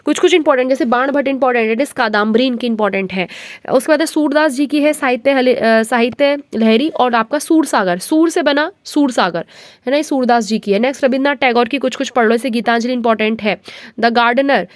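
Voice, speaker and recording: A young woman with a hoarse voice from a cold, running through a fast, chatty exam revision lesson. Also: a little high, no room sound. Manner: rapid, chatty, Hinglish asides. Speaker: exam prep teacher.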